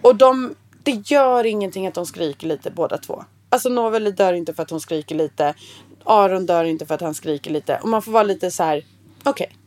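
A woman's voice: fairly low pitch, a little mellow. A woman in her thirties co-hosting a casual podcast, talking frankly and plainly and swearing casually. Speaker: podcast co-host.

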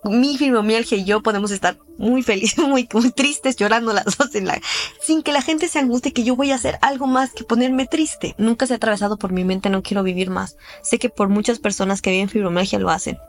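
A woman's voice: a little high, brisk, faint music behind. A Mexican woman living with chronic pain tells her story candidly and emotionally, often acting out what others say to her. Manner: candid, emotional, with restarts and reenacted quotes. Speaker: interviewee. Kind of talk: personal testimony in a podcast.

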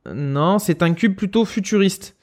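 A man's voice: sits high, moderate pace. A man with a Lorraine accent hosting a quiz on a casual podcast, hesitant and full of fillers. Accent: Lorraine French. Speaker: quiz host.

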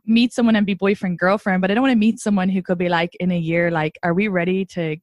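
A woman's voice: on the low side, fairly even intonation, fast, no echo, studio quality. A woman in her thirties hosting a podcast, chatting casually, candid and giggly, with some swearing. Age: 30s. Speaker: podcast host. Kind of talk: casual chat.

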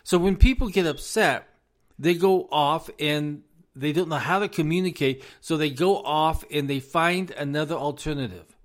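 A man with a slightly raised pitch gives informal advice on parenting, speaking earnestly and repeating phrases for emphasis. His voice is going a little hoarse as he talks. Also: moderate pace. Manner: earnest, repetitive, addresses parents directly. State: losing his voice.

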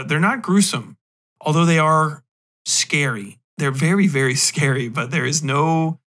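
On his podcast, a man rambles through an off-the-cuff review, leaning on emphasis and profane slang. His voice is fairly high and a bit bright.

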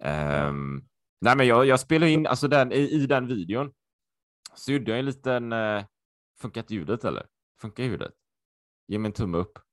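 A man co-hosting a podcast over a video call, excitable and chatty, repeating himself with lots of fillers. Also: mid-range voice, long pauses, dry recording, studio quality. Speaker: podcast co-host.

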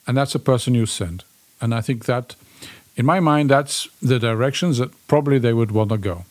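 A man's voice: mid-range voice, moderate pace. Man co-hosting, speaking in short plain sentences. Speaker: podcast co-host. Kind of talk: casual podcast discussion.

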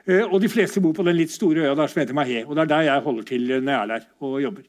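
A middle-aged Norwegian man with a slightly high voice gives a casual, conversational lecture over slides. He often poses rhetorical questions.

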